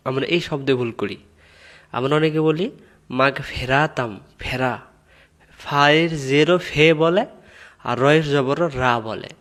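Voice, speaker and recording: Slow, patient male recitation teacher. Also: a little high, a bit bright. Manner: slow, drawn-out recitation of Arabic words, repeated syllable by syllable; patient, instructive explanation. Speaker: religious teacher. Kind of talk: pronunciation lesson on a prayer.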